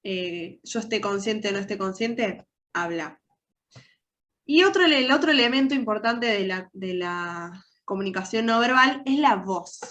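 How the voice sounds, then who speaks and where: Running an online workshop, the soft-skills trainer peppers her audience with questions in her Argentine Rioplatense Spanish accent. A cold leaves her medium-pitched voice nasal and congested, and she keeps a measured pace with a fairly bright tone.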